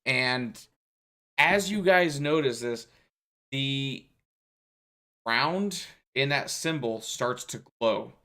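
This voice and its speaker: A young man narrating as game master of a tabletop game, talking in a halting way with many fillers. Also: mid-range voice, animated, bright, forceful tone.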